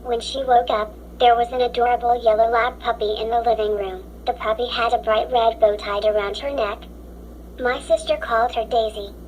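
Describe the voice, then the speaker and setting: A woman's voice: fairly high pitch, fairly even intonation, moderate pace, darkish tone, poor audio. Robot-sounding tts lady reading kids stories, mechanical, faint hum behind. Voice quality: stiff, mechanical delivery. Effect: robotic text-to-speech voice. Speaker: story app narrator. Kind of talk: reading children's stories aloud.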